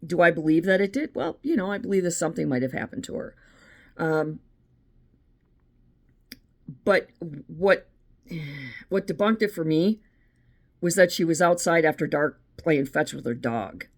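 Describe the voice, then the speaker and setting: Speaking slowly and pausing often in a low voice, a middle-aged woman from the United States talks on her own channel. As host, she gives a casual, chatty monologue full of opinions and keeps restarting her sentences.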